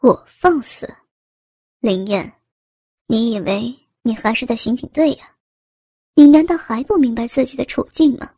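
A woman voicing a sneering, insolent male police officer who talks in a low, mocking half-whisper. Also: a little slow, long pauses, warm tone, slightly rough, no echo, studio quality. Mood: menacing.

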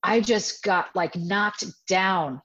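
A woman in her forties, a self-defense teacher, telling a personal story in an interview in an animated way and breaking into voiced quotes of herself. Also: mid-range voice, slow. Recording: dull lo-fi audio.

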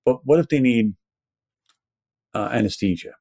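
A man's voice: medium pitch, moderate pace, dark tone, no room sound, studio quality. A man with a Brooklyn accent explaining things conversationally and emphatically, as an educator being interviewed. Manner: emphatic, poses rhetorical questions. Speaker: pharmacist educator, interview guest.

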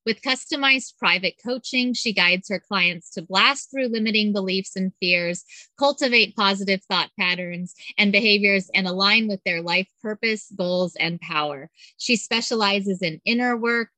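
A woman's voice: medium pitch, moderate pace, pushed and bright, no room sound, poor audio. A woman hosting a spiritual podcast, interviewing a guest in an enthusiastic, casual way with some fillers. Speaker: podcast host.

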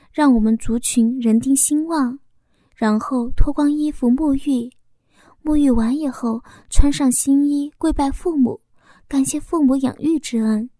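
A shy young village wife, as the woman reading the story puts her on speaks in a hushed, confiding voice. Her voice sits high and mellow. The sound is dry and close. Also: no room sound.

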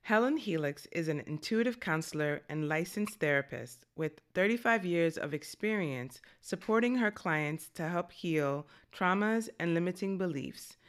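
A woman in her forties hosting a podcast, reading a scripted intro and then chatting with a bubbly, animated manner. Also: lowish voice. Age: 40s. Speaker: podcast host.

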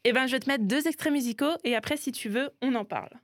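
A woman's voice: sits high, no echo, studio quality. A woman hosting a music segment, explaining things in a chatty way with frequent little asides. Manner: chatty explainer, sprinkling "hein" and quick asides. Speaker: show host. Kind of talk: presenting a themed music segment.

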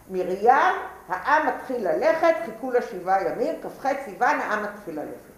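A woman teaching a Torah class, lively and repeating key points as she questions the students. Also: high-pitched. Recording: roomy echo, faint background noise.

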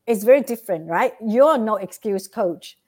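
Animated and a little mellow, this mid-range female voice moves at a moderate pace. The Vietnamese-accented guest offers earnest motivational tips in an interview, frequently tagging on "right?".

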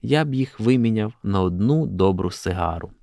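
A man's voice: fairly low pitch, expressive, moderate pace, vocal fry, mellow, no echo, clean studio sound. A man voicing a carefree young male student who sounds lazy and indifferent.

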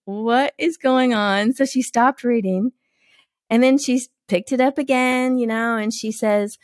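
A woman's voice: fairly high pitch, a little slow, dry recording. Laughing mother telling a story, dry sound. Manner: animated, laughs often, acts out quotes. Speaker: guest. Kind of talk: casual storytelling.

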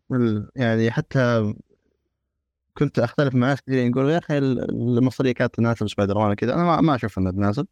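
A man in a casual gaming discussion who talks haltingly, restarting often. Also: lowish voice, a little mellow, no echo, highs cut off. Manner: halting, many restarts and repeated words.

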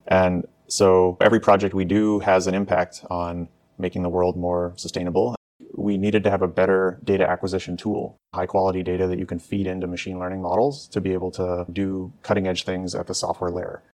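A man in his thirties from the area around Washington DC answers interview questions quickly in a deep, fairly flat voice. He explains things easily, restarting a word now and then. The sound is dry and close. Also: no echo. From United States, near Washington DC. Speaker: startup co-founder and CEO. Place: exhibition space.

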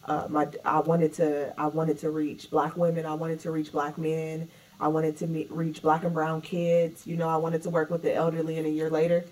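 A woman yoga instructor talking in a loose, expressive way in a casual podcast chat, with some swearing. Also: deep voice, normal speed. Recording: voice slightly distant from the mic.

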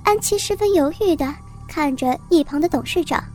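Woman narrator, high bright pitch, steady story reading, faint music underneath. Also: moderate pace. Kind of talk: scripted narration.

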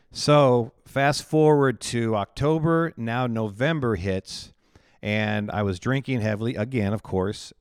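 A man's voice: on the low side, clear, resonant tone, dry recording, clean studio sound. A male pastor telling his life story in an interview, candid and chatty, often laughing at himself.

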